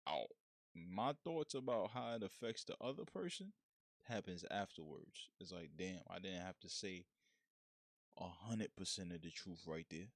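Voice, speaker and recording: A man hosts his own podcast in a relaxed, slangy monologue, speaking frankly and plainly. His voice sits on the low side, and the sound is dry and close with no room around it. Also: moderate pace, no room sound. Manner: frank, slangy, laid-back street talk. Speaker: podcast host. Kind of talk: casual solo monologue.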